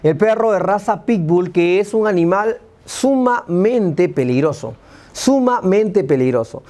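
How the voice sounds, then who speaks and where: Warm and high-sitting, the voice is animated and a little slow. It belongs to a young news anchor with a Peruvian accent who presents live news and interviews from a desk in a small TV studio, stressing points and repeating himself.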